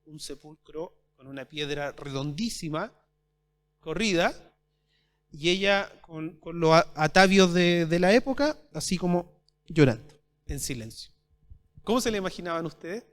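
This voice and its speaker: A man preaching a sermon as pastor at a church service, asking his congregation rhetorical questions and swinging between loud and soft. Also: on the high side, expressive, measured pace. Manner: addresses congregation as brothers.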